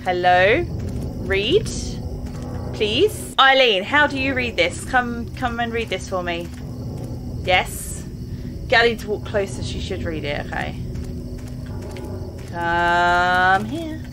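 A woman's voice: medium pitch, a little slow, music in the background. A young English woman casually commenting as she plays a video game, chatty and exclamatory, often breaking into laughter. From England. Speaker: gaming channel host. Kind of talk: let's play commentary.

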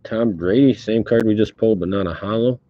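On a dry recording, a man whose voice is on the low side talks briskly through a face mask. He's hosting a sports card break at an indoor tabletop setup, offering casual, laid-back running commentary with offhand swearing. The sound is dull and muffled, and there's background noise.

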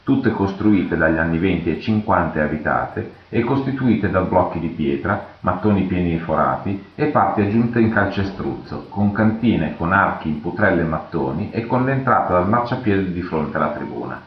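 A man giving a measured, matter-of-fact scripted narration for a technical documentary. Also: low-pitched, animated, slight background noise. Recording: echoey, dull lo-fi voice-over.

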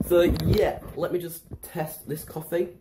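A man's voice: a little high, steady tone, a little slow, roomy sound, noisy background. A man casually vlogging in his home kitchen, rambling and chatty, filmed on a tripod camera. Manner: rambling, chatty and self-mocking. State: slightly out of breath. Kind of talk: casual how-to vlog.

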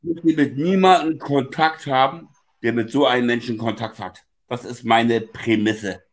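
A man's voice: medium pitch, moderate pace. A man hosting a stream, demanding answers in a heated, crude argument over a voice call. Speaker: stream host.

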